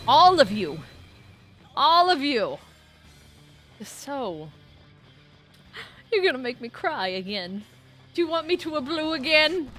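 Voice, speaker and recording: A woman streaming a speedrun, talking to chat, swinging from frantic yelling to deadpan muttering. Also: sits high. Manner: excitable, shifts between frantic yelling and deadpan mumbling.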